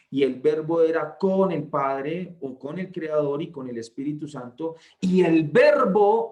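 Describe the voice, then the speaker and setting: A man leads an online Bible lesson. He speaks slowly and with emphasis, reads verses aloud, and keeps checking that his listeners follow. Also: on the high side, a little mellow. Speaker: Bible class tutor.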